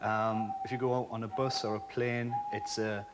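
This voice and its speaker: A middle-aged man with a northeastern English accent giving quick clues and guesses as a contestant in a TV studio. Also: on the low side, flat delivery, over loud music. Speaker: game show contestant. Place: television studio.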